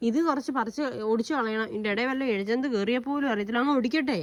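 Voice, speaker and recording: A woman's voice: a little high, quick pace. Young mother chatting to a phone camera. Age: young adult. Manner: chatty, talks straight to viewers. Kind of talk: casual daily-life vlog chat. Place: family home and garden.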